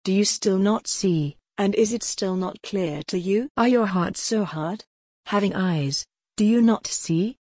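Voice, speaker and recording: A woman reading the lines of a calm, stern male teacher in a measured, questioning way, as part of a scripture reading. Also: medium pitch, breathy edge, no echo, clean studio sound. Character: man, calm stern teacher rebuking followers.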